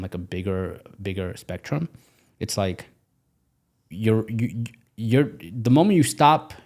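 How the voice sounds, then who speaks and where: This podcast guest is a man in his twenties from Pakistan whose voice is lowish and somewhat dark in tone. Chatting in a casual interview style, he talks with energy and emphasis, frequently saying the same phrases again.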